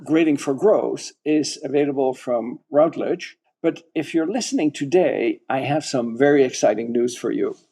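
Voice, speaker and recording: A man's voice: medium pitch, warm tone. A man hosting a podcast interview, posing questions with some hesitant restarts, then reading a closing. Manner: hesitant, restarts mid-sentence. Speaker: podcast host.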